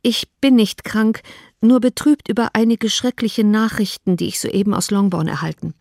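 A woman's voice: medium pitch, normal speed, vocal fry, darkish tone, dry recording, clean studio sound, natural voice. A woman reading an audiobook, voicing a distraught, tearful young woman with a raised, pleading voice. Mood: anguished.

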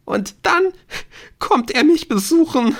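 A man reading an audiobook, voicing a frightened teenage girl who pleads in a high, shaky voice. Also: takes it slowly, creaky, fairly bright tone, full character voice. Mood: panicked.

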